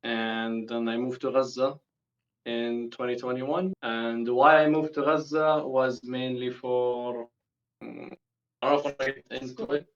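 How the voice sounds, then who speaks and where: A young man born and raised in the UAE, Palestinian, speaking casually as a guest over a video call, slangy and quick in bursts. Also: medium pitch, flat delivery, muffled recording.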